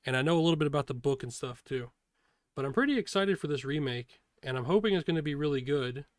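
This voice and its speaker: A man's voice: on the high side, lively intonation, quick pace, dry recording, clean studio sound. A man giving casual, informal first-impressions commentary as a streamer, talking in a hesitant way. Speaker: video host, streamer reacting to a game trailer.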